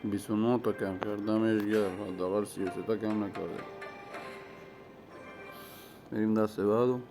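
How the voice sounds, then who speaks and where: A man giving live commentary on his own mobile game match, talking to himself and his opponent, with sudden excited outbursts. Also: on the low side, faint music behind, rough recording. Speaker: gaming streamer.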